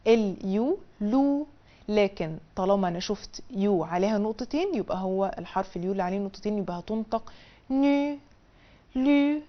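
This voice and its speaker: A woman's voice: lively intonation, fast talker, dull audio. A woman with an Egyptian Arabic accent teaching a language lesson on television, explaining step by step in a colloquial way. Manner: drills syllables in a high sing-song, then explains in colloquial Egyptian Arabic. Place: television studio.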